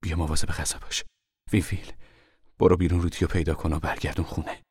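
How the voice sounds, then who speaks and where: Man doing a tired worried mom, low and hushed, half whispering, dry sound. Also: flat delivery, husky, no echo. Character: tired worried mother, gentle and firm. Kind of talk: audiobook character voice.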